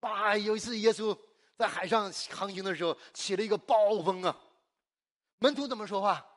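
Here the same kind of sermon comes from a man from China whose high, fairly bright voice moves at a normal speed. Exuberant and emphatic, he laughs often, poses questions to the congregation, and supplies the answers himself.

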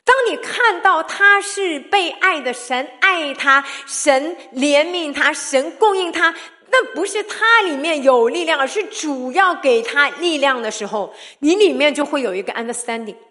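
Woman, church testimony, high voice, laughs a lot, keeps asking the crowd questions. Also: a little slow, few pauses. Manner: animated, keeps asking the audience rhetorical questions. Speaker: church speaker sharing testimony. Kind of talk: sermon-style personal testimony.

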